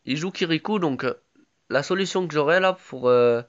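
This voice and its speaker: A man's voice: a little high, moderate pace, muffled recording. A man with a sore throat giving casual live commentary on his own game, chatty and full of gamer slang.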